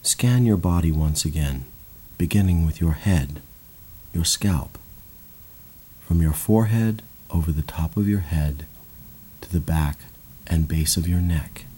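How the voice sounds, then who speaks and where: A man guiding a slow, calm breathing and body relaxation exercise in a soothing voice. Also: low voice, slightly rough. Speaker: meditation guide. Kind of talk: guided relaxation narration.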